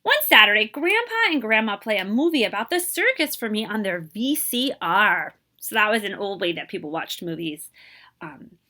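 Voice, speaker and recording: In a mid-range voice, a woman reads a children's picture book aloud expressively, stopping now and then to explain and translate Spanish words.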